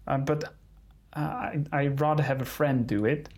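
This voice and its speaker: A man's voice: on the high side, steady tone, moderate pace, a little mellow. A man who is not a native English speaker, answering interview questions in careful English and searching for words. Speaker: conservation photographer being interviewed.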